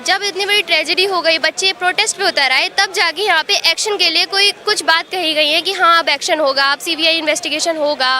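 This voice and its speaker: A woman's voice: very high-pitched, a little fast, hardly any pauses, sharp tone. A young woman from Uttar Pradesh, an exam aspirant giving a street interview outdoors at a protest, talking earnestly and upset in long runs. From Uttar Pradesh, India. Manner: earnest, upset, speaks in long runs mixing English words.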